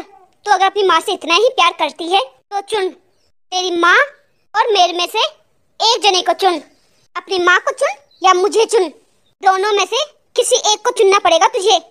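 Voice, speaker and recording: A bossy angry cartoon husband. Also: male voice, very high-pitched, unhurried, full character voice. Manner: harsh, domineering, shouting orders. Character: angry young husband throwing out his mother-in-law. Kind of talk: animated cartoon drama dub.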